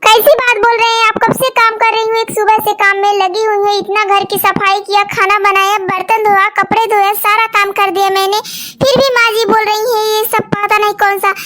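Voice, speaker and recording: Cartoon story: woman plays a worn-out, defiant daughter-in-law, very high voice. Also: level tone, fairly quick, sharp tone. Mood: complaining. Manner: complaining, defiant. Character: tired, fed-up young wife.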